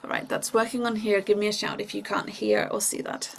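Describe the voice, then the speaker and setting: A woman's voice: medium pitch, brisk, creaky, slight background noise. A woman giving a casual, conversational online presentation for an education charity over a video call microphone. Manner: casual, conversational, relaxed fillers.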